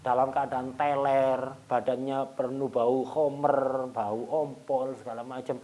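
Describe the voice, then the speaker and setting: A man teaching an Islamic study lesson, telling a story and acting out its dialogue, joking and chuckling with his listeners. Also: medium pitch. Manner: storytelling, acting out dialogue with sudden loud and soft turns. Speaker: religious teacher.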